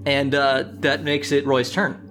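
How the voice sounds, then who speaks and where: A man's voice: mid-range voice, flat delivery, unhurried, a bit bright. A man narrating a tabletop game as game master in a casual, improvised way.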